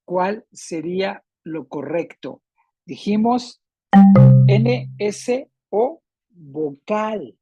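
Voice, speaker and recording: Slow, deliberate female teacher. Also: mid-range voice, expressive, mellow, husky, soft background music. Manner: slow, deliberate, repeats words with different stress. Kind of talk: classroom lesson on spelling rules.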